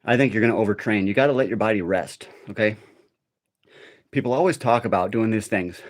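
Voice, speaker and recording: With a lowish voice and slightly quick delivery, a middle-aged man leads a live workout session. He rambles casually to the people watching his stream.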